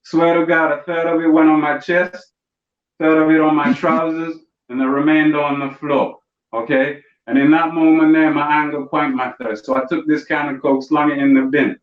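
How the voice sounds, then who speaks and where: Over a video call, a man performs a stand-up comedy routine, telling stories with punchy asides to the audience. His voice is a little high with little pitch movement, at normal speed. The call audio is roomy, distant, dull and lo-fi.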